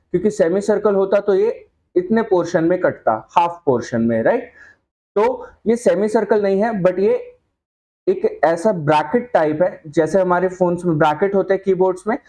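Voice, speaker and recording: With a high, warm voice, this man walks a shorthand class through a whiteboard lesson. Patient throughout, he asks again and again if everyone's following and enunciates sample sounds slowly.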